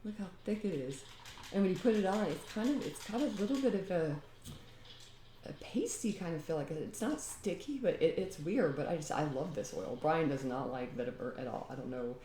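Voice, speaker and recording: A woman's voice: low voice, animated, normal speed, warm tone, roomy sound, slight background noise. A woman chatting casually at home, rambling and laughing as she demonstrates a homemade recipe. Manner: rambling and talkative, often laughing. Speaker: home DIY vlogger.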